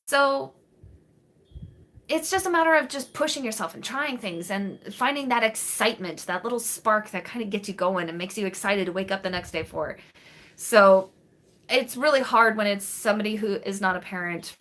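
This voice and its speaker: A woman's voice: medium pitch, bright, forceful tone. A woman in her late twenties chatting casually on a live stream to her viewers, rambling with lots of fillers and restarts, recorded on a webcam in a small bedroom. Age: 20s. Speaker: vlogger answering live chat. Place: small bedroom in front of a green wall.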